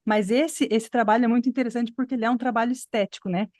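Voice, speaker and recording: A woman's voice: on the high side, fairly even intonation, quick pace, a little mellow, no room sound. Encouraging woman teacher, dry close sound. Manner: explanatory, encouraging, many filler tags. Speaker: English teacher. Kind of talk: online class discussion.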